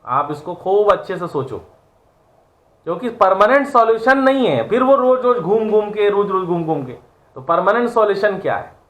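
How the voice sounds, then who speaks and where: A man's voice: sits high, big pitch swings, moderate pace, fairly bright tone. A man teaching an online class, giving an earnest, preachy moral lecture full of rhetorical questions.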